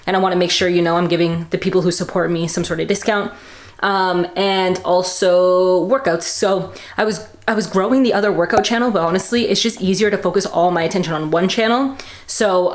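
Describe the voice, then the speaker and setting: A young woman from Canada chatting casually in a home vlog as a fitness coach, rambling with lots of fillers. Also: on the low side. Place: at home indoors.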